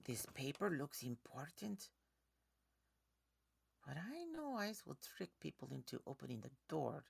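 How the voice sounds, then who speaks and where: A woman's voice: deep voice, sing-song, measured pace, vocal fry, husky, exaggerated voice. An actress playing a stubborn woman who refuses to open her door, curt and defiant. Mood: firm.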